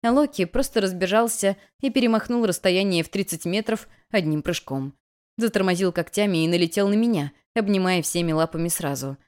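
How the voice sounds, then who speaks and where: A woman narrating a first-person fantasy audiobook in a lively, expressive reading style. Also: medium pitch, a little fast.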